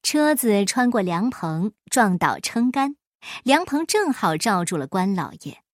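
A woman storyteller reading a folk tale aloud in an expressive storybook style. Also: medium pitch, measured pace, dry recording, studio quality.

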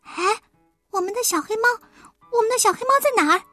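Woman doing a shrill excited little hen girl. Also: quick pace, no echo, soft background music. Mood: worried.

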